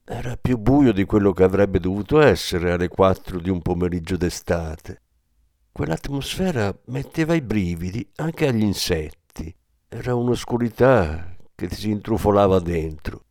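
A man narrating an audiobook in a measured, somber way. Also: sits low, animated, a little mellow, no echo, clean studio sound. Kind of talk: audiobook reading.

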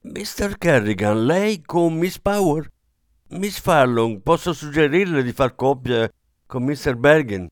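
Casting: a male narrator doing a bustling young hostess, bright and raised in pitch. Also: lively intonation, slow, no room sound, clean studio sound. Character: brisk young woman hosting a dance.

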